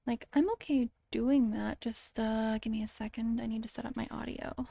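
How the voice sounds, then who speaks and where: A woman's voice: a little high, fairly even intonation, normal speed, vocal fry, warm tone. Tired, sleepy woman on a dull call. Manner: hesitant, many ums and restarts. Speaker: video creator hosting a call. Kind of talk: casual voice call chat.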